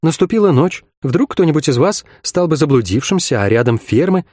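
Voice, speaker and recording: A man voicing an earnest, cautious young woman in an audiobook, speaking softly. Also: on the high side, expressive, brisk, no echo, clean studio sound, pitched above the performer's own voice.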